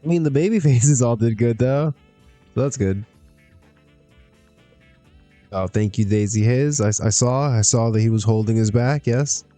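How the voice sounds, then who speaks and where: A man's voice: medium pitch, a little slow, long pauses, mellow, soft background music. A man streaming a wrestling management game, chatting casually to himself, laughing often as he reacts to results. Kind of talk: casual gameplay commentary.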